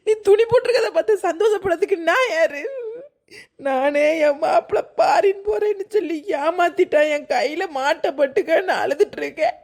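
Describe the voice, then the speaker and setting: A deserted young wife in a cartoon, voiced by a woman, sobs and snaps. Her voice sits high and strained with tears. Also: expressive, moderate pace, darkish tone. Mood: tearful angry. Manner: sobbing, snappish. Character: tearful deserted young wife, sharp-tongued.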